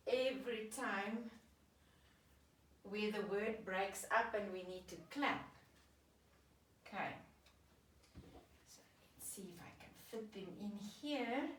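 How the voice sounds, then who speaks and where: A woman teacher giving a children's reading lesson, patiently sounding out and clapping words. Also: mid-range voice. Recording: echoey room, voice from a distance.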